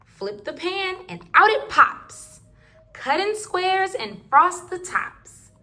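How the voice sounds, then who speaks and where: A woman's voice: extremely high pitch, very animated, takes it slowly, bright, forceful tone. Sing-song woman reading to toddlers. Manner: sing-song, rhythmic read-aloud. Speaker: children's book reader. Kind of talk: reading picture books aloud to toddlers.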